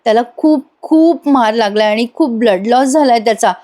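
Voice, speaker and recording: Woman voicing a gentle young man. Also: a little high, moderate pace, close to an everyday voice. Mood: comforting. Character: young man comforting his mother.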